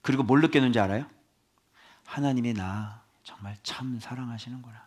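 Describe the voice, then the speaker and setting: A male pastor giving a sermon, emphatic and animated, with many rhetorical questions to the congregation. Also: mid-range voice, fairly quick, breathy edge.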